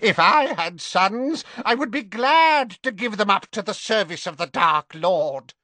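A man's voice: high voice, animated, measured pace, sharp tone, no room sound, pitched above the performer's own voice, exaggerated voice. A man voicing a ruthless, fanatical witch who sneers and cackles in an audiobook reading.

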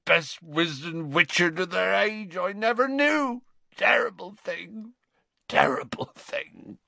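A man voicing a huge, drunk, grieving half-giant who speaks in a gruff, slurred, mournful way. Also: sits high, animated, slow pace, pushed and bright, no echo, voice pushed up, full character voice.

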